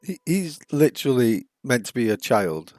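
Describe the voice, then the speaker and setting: A man's voice: medium pitch, big pitch swings, moderate pace, a little mellow, dry recording, faint music behind. A man streaming a game playthrough, cracking sarcastic, jokey asides over the game. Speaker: streamer, host.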